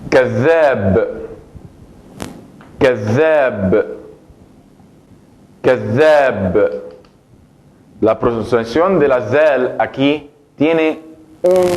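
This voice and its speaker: A man from Egypt whose first language is Arabic, teaching an Arabic lesson and patiently repeating each word slowly for practice. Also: medium pitch, darkish tone.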